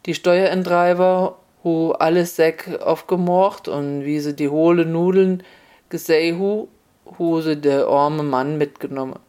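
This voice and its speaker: A storyteller with a narrates a comic folk tale in a relaxed, wry manner. The voice sits at a middling pitch and moves at an unhurried, even pace. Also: clean tone.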